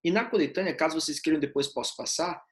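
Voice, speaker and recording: Brazilian male teacher, slightly high voice, patient step-by-step explainer, quizzes students. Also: fast. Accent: Brazilian Portuguese. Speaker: essay-writing teacher. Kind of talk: live online class, essay correction.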